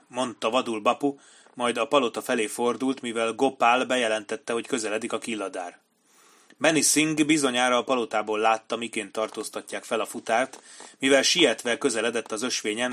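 A man reading an adventure novel aloud in a measured, dramatic narration style. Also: medium pitch, fairly even intonation, fairly bright tone. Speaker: audiobook narrator. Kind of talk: scripted narration.

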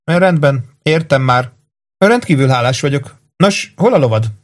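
A man voicing a tall, sharp-tongued young woman swordfighter in an audiobook, speaking coldly and scornfully. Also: medium pitch, animated, pitched above the performer's own voice, natural voice. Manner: cold, scornful.

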